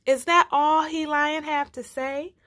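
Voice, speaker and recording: A woman's voice: high-pitched, steady tone, unhurried, a bit bright, no room sound, clean studio sound, pitched above the performer's own voice. A woman voicing a scrawny, savvy male rabbit in a storybook, frank, folksy and fearless. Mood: eager.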